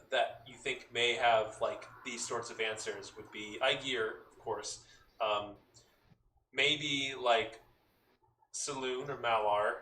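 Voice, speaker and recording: A man running a tabletop game as game master, describing scenes in a halting, descriptive way. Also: medium pitch, bright, forceful tone. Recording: echoey room, mic at a distance, faint noise.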